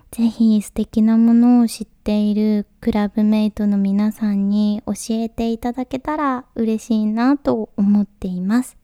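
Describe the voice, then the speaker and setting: A woman hosting a late-night podcast in a soft, breathy, whispery voice, speaking to listeners in extremely polite, formal phrasing. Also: on the high side, dry recording, studio quality. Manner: ultra-polite, formal honorific Japanese phrasing. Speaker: podcast host.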